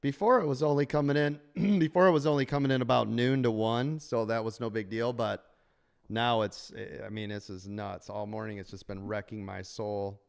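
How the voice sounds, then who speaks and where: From a sunlit room with many windows, a trading coach and host talks with live-stream members in an upbeat, salesy way while his voice is going. It sounds creaky yet clean, steady in tone and at normal speed.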